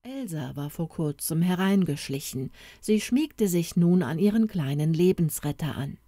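A woman narrating a storybook audiobook in a soft, expressive, unhurried manner, recorded close to the mic. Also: fairly low pitch, no echo.

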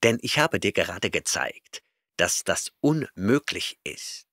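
In a heavily acted audiobook reading, a man with a low, bright, forceful voice speaks slowly and with animation, in studio quality with no room sound. He plays an arrogant, eccentric male professor who lectures his listener impatiently and snorts at him.

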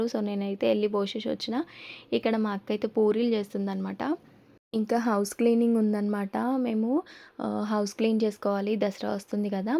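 A woman's voice: a little high, creaky. Young woman narrating a family vlog. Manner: soft, reflective storytelling, often trailing off with fillers. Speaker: family vlogger. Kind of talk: casual vlog voice-over narration.

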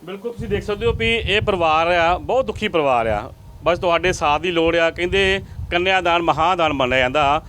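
A man's voice: a little high, a little fast, a bit bright, a little hiss or hum. A male field reporter making repetitive, pleading appeals to viewers during a charity interview in a family's rented home.

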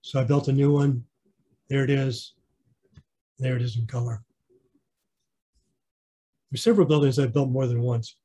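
A man's voice: mid-range voice, fairly even intonation, moderate pace, pauses often, dark tone, slightly rough. A man giving a casual online slideshow clinic about his model railroad, rambling with fillers and restarts. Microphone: video call.

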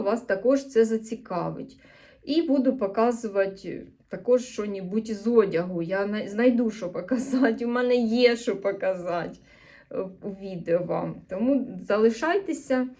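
A woman's voice: on the high side, expressive, moderate pace, dark tone. A woman from eastern Ukraine with a Sumy regional accent, chatting casually to camera in a vlog, rambling and correcting herself, earnest and a bit defensive. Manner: earnest and a little defensive when answering comments. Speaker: vlogger.

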